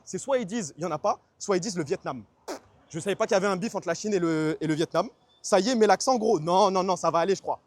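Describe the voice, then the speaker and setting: Guy streamer from france, talks real fast and slangy, dry close sound. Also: on the high side, no room sound. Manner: fast, slangy, chatty, answers chat. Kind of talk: casual livestream chat.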